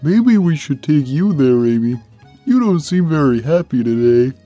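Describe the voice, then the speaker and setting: A man voicing a big, simple-minded, gentle cartoon cat who talks slowly and placidly, taking everything literally. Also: fairly high pitch, big pitch swings, dry recording, dull audio, soft background music. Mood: mildly puzzled. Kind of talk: cartoon character answering fan questions.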